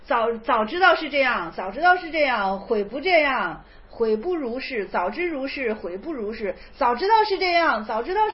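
A woman's voice: high-pitched, very animated, normal speed, hardly any pauses, dull audio. A woman voicing an old Chan master who whines and repeats himself in self-pity. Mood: rueful.

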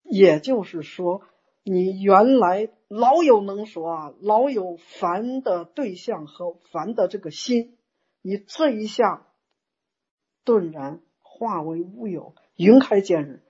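A woman's voice: mid-range voice, slow, husky, dull audio. Woman giving an exclamatory Dharma talk. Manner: animated, exclamatory, acts out inner thoughts. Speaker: Buddhist teacher.

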